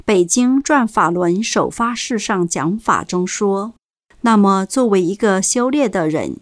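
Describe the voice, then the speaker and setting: A woman reading a first-person reflection aloud as scripted narration, measured and deliberate. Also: mid-range voice, lively intonation. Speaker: reader.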